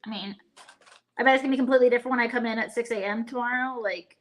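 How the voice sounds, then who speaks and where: A woman's voice: fairly high pitch, fairly even intonation, rapid-fire. A young woman from Virginia chatting casually on a livestream, rambling with many fillers and restarts. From Virginia, USA. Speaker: livestream co-host. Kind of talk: casual chat.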